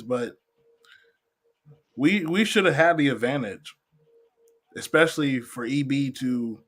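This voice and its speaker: A male podcast co-host on a video call, talking football in a laid-back, slang-heavy way. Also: medium pitch. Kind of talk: casual sports chat.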